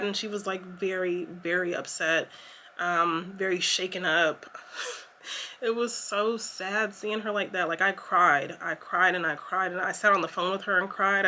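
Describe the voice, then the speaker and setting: A woman's voice: mid-range voice, sharp tone, a little hiss or hum. A young woman, telling a story to her vlog camera in a chatty, emotional way with lots of fillers. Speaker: vlogger. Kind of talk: casual story time to camera.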